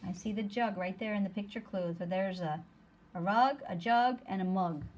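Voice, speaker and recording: A woman teacher reading a simple story aloud to young children, sounding out each word slowly and clearly. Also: mid-range voice, darkish tone. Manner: slow, deliberate, sounding out words.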